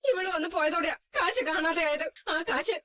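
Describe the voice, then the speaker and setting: A woman voicing a scheming older mother-in-law in a fan dub of a TV serial, with a shrill, whining, accusatory manner. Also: moderate pace, pushed and bright. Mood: tearful. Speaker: fan dubber.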